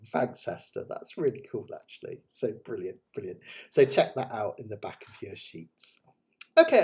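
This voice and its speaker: A man with a West Country English accent hosting a casual livestream, chatting in a rambling, enthusiastic, self-deprecating way. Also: mid-range voice. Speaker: host of a live ukulele play-along. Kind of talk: casual livestream chat to viewers.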